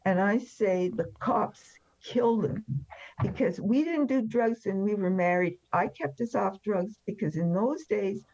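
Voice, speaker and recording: With a medium-pitched, darkish voice and a measured pace, a woman aged seventy or more recalls her life plainly in an interview. She was born in France and emigrated after the war, and the recording is lo-fi.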